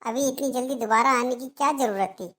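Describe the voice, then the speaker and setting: A resentful young daughter-in-law who answers back sharply, voiced by a woman for a cartoon. Her voice is a little high, with complaining, indignant turns. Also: a little fast, fairly bright tone, lightly acted. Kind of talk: Hindi cartoon dialogue.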